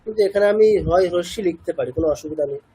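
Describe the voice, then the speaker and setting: Man, high voice, husky tone, patient teacher explaining step by step. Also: rapid-fire, warm tone, low-quality recording. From India. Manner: patient, asks and answers his own questions. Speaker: Sanskrit chanting teacher. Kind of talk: explanatory class lesson.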